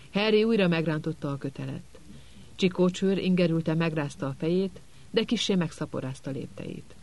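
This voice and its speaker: Férfi mesélő egy hangoskönyvben, nyugodt, kiegyensúlyozott tempóban. Hangja enyhén magas, előadása gondosan megformált. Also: male voice, fairly high pitch, a little mellow. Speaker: audiobook narrator. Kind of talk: scripted audiobook narration.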